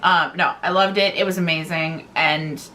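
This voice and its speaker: A woman co-hosting a book review in casual conversation, informal and halting, often repeating herself. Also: deep voice, fairly even intonation, sharp tone. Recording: noticeable background noise.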